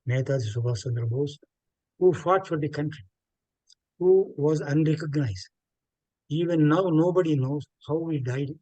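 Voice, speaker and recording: A man's voice: a little high, normal speed, pauses often, dark tone, no room sound, poor audio. An older man from India, a native Telugu speaker with a South Indian accent, answering interview questions in an expansive, explanatory way with emphatic repetition. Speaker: interview guest. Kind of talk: reflective interview talk with anecdotes.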